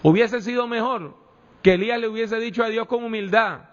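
A man preaching a sermon with slow, emphatic delivery and repeated refrains. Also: extremely high pitch. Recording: echoey hall, dull lo-fi sound.

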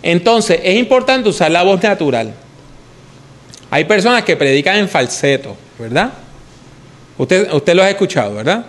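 Lively high-voiced man teaching preaching. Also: moderate pace, long pauses. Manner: conversational, demonstrates with his own voice. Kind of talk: instructional talk on preaching.

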